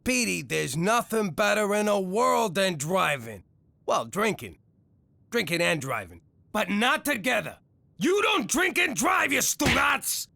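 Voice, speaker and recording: An actor playing a brash, loud mobster father in a cartoon, with a gravelly voice. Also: sits high, very animated, measured pace, no echo, heavily acted. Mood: blustering. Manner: brash, shouting, streetwise. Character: loud blustering mobster dad, middle-aged man.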